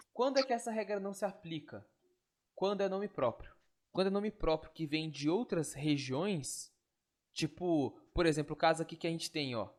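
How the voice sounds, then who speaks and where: With a voice that's a little high, a man gives an online Greek lesson. He breaks things down step by step and uses quick tag questions to check in.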